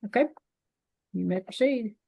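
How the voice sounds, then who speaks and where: A woman presiding as judge in a courtroom recording, speaking plain procedural language in an informal, halting way. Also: medium pitch, gravelly, dark tone. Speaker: judge presiding over a hearing. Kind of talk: plain procedural speech from the bench.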